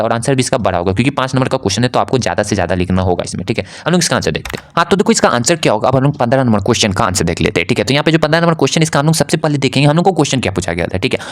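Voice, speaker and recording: A man teaching, walking students through exam answers and reading the written answers slowly before explaining them quickly. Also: mid-range voice. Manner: fills with repeated "okay".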